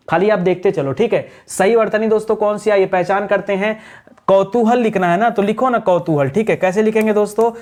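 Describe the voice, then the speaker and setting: A man's voice: high-pitched, a little mellow. A male teacher going through spelling questions in an exam-prep lesson, asking a question and then answering it himself. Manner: drills answers with repeated questions.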